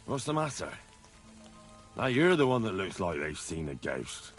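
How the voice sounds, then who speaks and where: Boastful young game hero, cocky, swearing, lively pitch, slow delivery. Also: male voice, soft background music. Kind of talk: video game cutscene.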